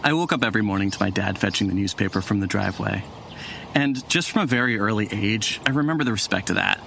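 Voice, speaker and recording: Disguised deep voice, pitch-shifted, gravelly. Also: lively intonation, a little hiss or hum. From California. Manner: hesitant, halting restarts. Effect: voice pitch-shifted deeper to disguise identity. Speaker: former newspaper journalist interviewee. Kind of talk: reflective interview recollection. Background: loud music bed.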